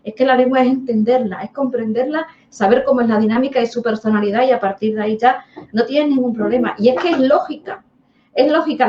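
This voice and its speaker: A woman host, speaking earnestly and emphatically in a casual interview. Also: a little high. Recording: roomy, dull remote audio.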